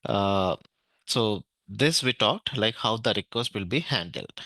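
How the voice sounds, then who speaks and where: A man with an Indian English accent teaching an online technical class, explaining step by step, often checking in with "right?" and pausing on fillers. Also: on the low side, lively intonation, sharp tone, no room sound. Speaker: database administration trainer.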